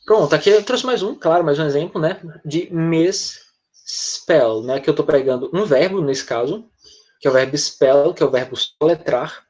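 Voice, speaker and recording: An expressive, slightly fast Brazilian man with a higher, somewhat mellow voice teaches English online, explaining vocabulary in a Brazilian Portuguese accent. He regularly checks on students with short questions like "né?" and "tá?" over dull, lo-fi sound.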